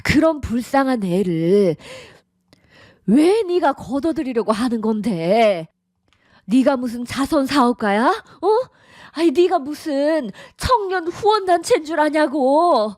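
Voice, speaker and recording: A stubborn, contemptuous mother-in-law who sighs and scolds her way through every line, voiced by a synthetic woman. The voice sits fairly high and sounds close and dry, with no room around it. It has the polished evenness of a studio audio drama. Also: expressive, slow, dry recording. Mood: stern. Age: middle-aged. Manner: nagging, sighing, sharp scolding.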